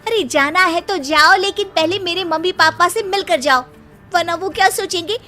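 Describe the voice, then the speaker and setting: A woman's voice: very high-pitched, normal speed, bright, forceful tone, faint music behind. A woman playing an irritated, sarcastic young wife who scolds and nags in a comic cartoon story. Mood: scolding.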